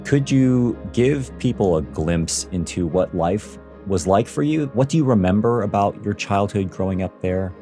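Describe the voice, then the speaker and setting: A man's voice: lowish voice, lively intonation, moderate pace, few pauses, dark tone, soft background music. A man hosting a career podcast and asking his guest questions. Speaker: podcast host. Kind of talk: interview podcast.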